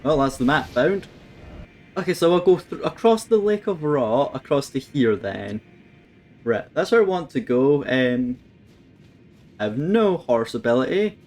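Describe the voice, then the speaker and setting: A man's voice: mid-range voice, sing-song, unhurried, a little mellow, soft background music. A man giving casual let's-play commentary, thinking aloud and swearing at the game with wry humour. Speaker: gameplay commentator. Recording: faint background noise.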